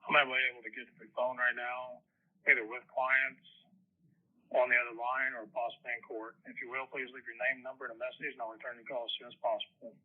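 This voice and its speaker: Man's flat, fast answering machine greeting. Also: mid-range voice. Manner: rote, formal recited message. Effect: answering machine greeting played over a phone line. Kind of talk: recorded voicemail greeting. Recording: tinny phone-line voicemail playback.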